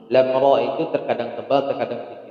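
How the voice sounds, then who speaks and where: A man teaching Quran recitation, drilling letter sounds syllable by syllable for listeners to repeat. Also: mid-range voice. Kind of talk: pronunciation drill lesson. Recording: dull sound in a long echoey hall.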